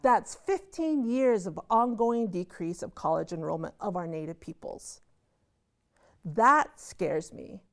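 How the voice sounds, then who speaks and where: A woman's voice: mid-range voice, moderate pace, hardly any pauses, a little mellow. A woman academic giving commentary as an expert in a news interview.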